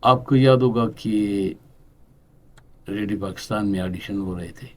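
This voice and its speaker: A middle-aged man from Balochistan, a writer and actor, telling anecdotes in an unhurried interview style with pauses, acting out other people's lines. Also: fairly low pitch. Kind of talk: relaxed interview storytelling.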